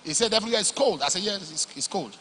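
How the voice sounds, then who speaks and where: A man preaching a sermon, moving between loud emphatic declarations and low, confiding storytelling. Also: animated, fast talker, a little hiss or hum. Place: large church hall. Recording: long hall reverb.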